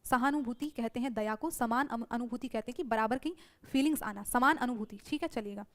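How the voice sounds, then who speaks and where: A woman's voice: on the high side, brisk. A woman teacher giving an online exam-prep lecture, drilling students with repeated rhetorical questions.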